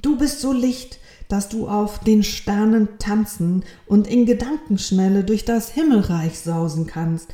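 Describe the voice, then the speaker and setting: A woman's voice: mid-range voice, a little slow, few pauses, mellow, lightly acted. A woman voicing a small, eager, wondering little soul in a storybook reading, talking with a touch of impatience. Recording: roomy echo.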